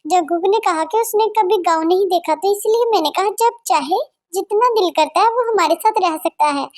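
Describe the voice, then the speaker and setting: A high-voiced performer dubbing a kind, fussing middle-aged village aunt. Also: normal speed. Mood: doting. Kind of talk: Hindi fan dub.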